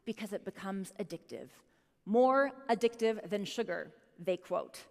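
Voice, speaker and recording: A woman in her thirties giving a motivational keynote speech, animated and quizzing the audience directly. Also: mid-range voice, measured pace, gravelly. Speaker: keynote speaker. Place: conference hall stage. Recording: long reverb of a large hall.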